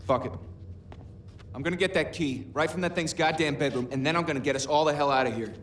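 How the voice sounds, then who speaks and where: A man's voice: a little high, fast talker, fairly bright tone, a little hiss or hum, natural voice. An actor playing a brash, restless young man in a video game who talks bluntly, sarcastically and with plenty of swearing. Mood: determined.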